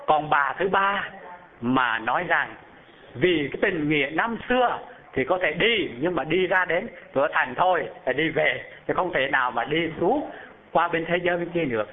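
A man preaching a Buddhist sermon through a parable, telling the story and asking his listeners rhetorical questions. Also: a little high. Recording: phone-like narrow band.

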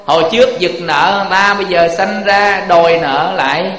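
A Buddhist monk with a Southern Vietnamese accent preaches in a fairly high voice. He keeps turning to his listeners with rhetorical questions. His voice rings in a roomy hall with a long tail of reverb. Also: moderate pace, a bit bright. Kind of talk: sermon.

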